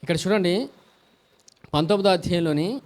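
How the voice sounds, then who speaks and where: This male pastor is high-pitched, animated, brisk, and a little mellow. His sermon runs on call and response: he quizzes the congregation, answers his own questions, and shouts hallelujah again and again.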